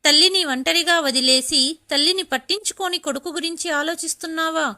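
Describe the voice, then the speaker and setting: A woman's voice: very high voice, brisk, bright, forceful tone, voice pushed up, heavily acted. A woman reading the lines of a bold, protective grown daughter in a storybook tale. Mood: urging.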